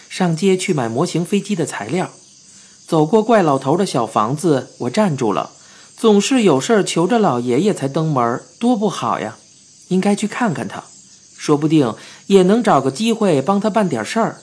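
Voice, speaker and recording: A narrator telling a children's story in the first person, with lively and expressive delivery. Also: medium pitch, moderate pace, husky. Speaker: audiobook narrator. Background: faint background music.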